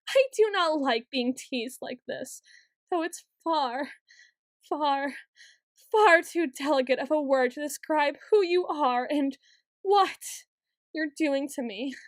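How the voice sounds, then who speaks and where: A woman's voice: sits high, no echo, clean studio sound. A woman playing a paranoid, obsessive young yandere student in an ASMR role-play, stammering, pleading and accusing as she repeats her words insistently. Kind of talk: ASMR role-play monologue, acted straight to the listener.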